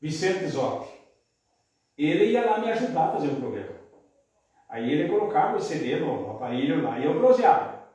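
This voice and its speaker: A man's voice: on the high side, sing-song, fairly quick, mellow. Man telling folksy stories, echoey room. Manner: folksy, rambling anecdotes. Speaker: podcast guest, radio announcer and singer. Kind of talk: casual conversational storytelling. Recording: echoey room, mic at a distance.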